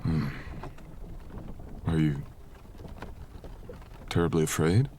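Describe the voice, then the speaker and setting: In a soft-spoken romantic fantasy audio roleplay, a man voices a mysterious, courteous wandering traveler whose phrasing is old-fashioned and teasing. His bass voice moves slowly and sounds curious and gentle, over slight background noise.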